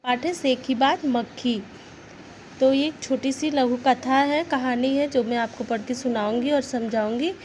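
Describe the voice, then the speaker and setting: A woman's voice: high voice, fairly even intonation, a little slow, darkish tone, a little hiss or hum, low-quality recording. A woman teacher reading a children's story aloud and explaining it word by word, often checking in with her young listeners. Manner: explains words simply, checks in with "ठीक है?".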